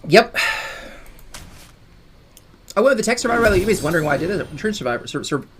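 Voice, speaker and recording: A woman giving casual gameplay commentary in a lowish voice that swings up and down a lot. She is upbeat and chatty and rambles, often correcting herself mid-sentence. Faint noise sits behind her. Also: very animated, brisk. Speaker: gaming channel host.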